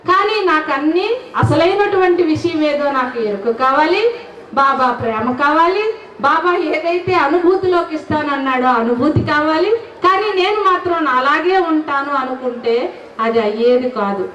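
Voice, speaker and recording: In an echoey hall, captured distantly and dully, a spiritual speaker addresses a gathering with a devotional talk that includes sung verses. She is earnest, keeps posing questions to her audience, and has a high-pitched, fairly bright voice.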